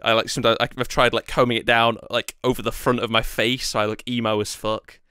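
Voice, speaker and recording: A man's voice: medium pitch, little pitch movement, fast talker, sharp tone, clean tone, dry recording, studio quality. A young man co-hosting a casual podcast chat, rambling with many fillers and restarts. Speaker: podcast co-host.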